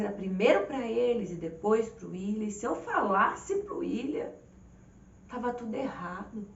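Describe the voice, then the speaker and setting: Brief: woman preacher, fairly high and gravelly voice, heartfelt testimony, roomy distant live sound. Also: highs cut off, a little hiss or hum. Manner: intimate storytelling, acts out her own prayers. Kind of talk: emotional testimony sermon.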